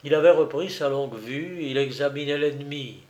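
A man reading an adventure novel aloud as narrator, in a slow, measured way. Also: on the high side, darkish tone.

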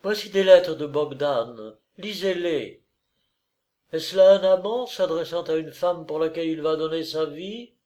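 A man reading aloud and voicing a proud, wounded young noblewoman who answers in a raised, hushed, intense voice. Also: low-pitched, a little slow, pitched above the performer's own voice. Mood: defiant.

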